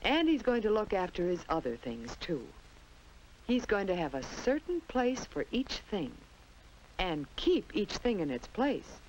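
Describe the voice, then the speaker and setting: An American woman narrates a 1950s children's instructional film from an old soundtrack, telling it simply like a story for young kids. Her mid-range voice is sing-song, unhurried, and a bit dark in tone. The low-quality recording carries slight background noise.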